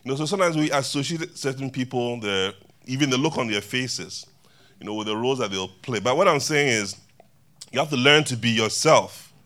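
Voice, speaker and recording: A man's voice: medium pitch, brisk, sharp tone. A man preaching a sermon to a church congregation in a loose, conversational way, joking and chatting with the people in the pews. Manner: conversational, laughing, banters with congregation.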